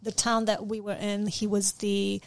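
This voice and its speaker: A woman's voice: medium pitch, little pitch movement, moderate pace, creaky. A young woman from Poland with a Polish accent, an artist guest speaking in a reflective, hesitant way in a casual interview.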